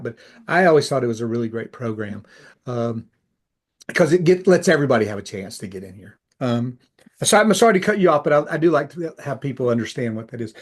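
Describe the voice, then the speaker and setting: An older man, a retired immigration officer, hosting a casual interview over a video call, chatty and full of restarts. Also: mid-range voice. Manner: chatty, many restarts and asides.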